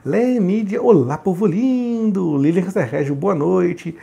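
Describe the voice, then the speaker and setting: A woman co-hosting a live stream, reading out viewers' names and greetings in a lively way. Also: on the low side, measured pace, gravelly, breathy edge. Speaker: co-host reading viewer comments. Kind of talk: reading out live chat comments.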